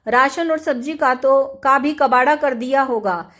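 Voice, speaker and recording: A woman reading a story puts on a resentful young sister-in-law, taunting and accusing. Her voice sits high and cutting in a storybook reading. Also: unhurried, fairly bright tone.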